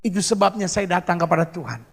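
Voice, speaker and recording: A man's voice: high-pitched, lively intonation, quick pace, vocal fry, slightly rough, long reverb tail. A man preaching a sermon as pastor, emphatic, counting off his points and acting out the people he quotes.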